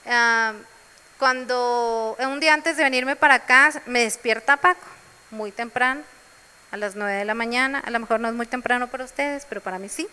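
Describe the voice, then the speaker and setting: A woman's voice: on the high side, moderate pace, sharp tone, clear, resonant tone, in a large hall. A woman preaching a sermon in a church, sharing personal testimony.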